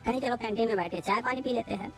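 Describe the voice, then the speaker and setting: A woman's voice: a little high, very fast, faint music behind, lightly acted. Woman playing a teasing young college guy.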